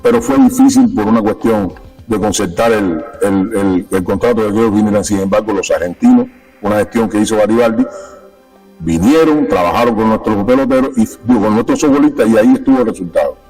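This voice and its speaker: A man's voice: fairly low pitch, brisk, dark tone, far from the mic, soft background music, poor audio. A Cuban-born man speaking as a sports official guest in a conversational interview, emphatic and repeating his key points. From Cuba.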